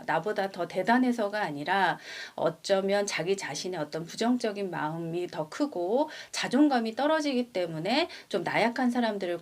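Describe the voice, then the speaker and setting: A woman in her thirties reading a picture book aloud to expecting mothers, pausing to comment and speaking to them directly. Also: medium pitch. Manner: expressive, addresses mothers directly. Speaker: prenatal storyteller for mothers.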